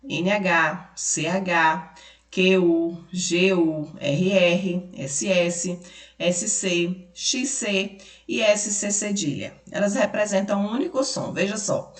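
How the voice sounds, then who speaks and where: A Brazilian woman teaches children at a patient pace, spelling out letters and checking in with questions. Her voice sits on the low side. The sound is echoey and a little distant, as if the mic is set back in the room. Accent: Brazilian Portuguese. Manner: patient, explains slowly, spells out letters, asks pupils questions. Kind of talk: remote school lesson for children.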